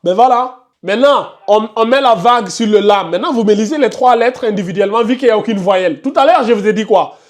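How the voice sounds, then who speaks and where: A man's voice: high-pitched, fast talker, hardly any pauses. A man teaching a live tajwid class, questioning students by name and insisting they concentrate. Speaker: Quran recitation teacher.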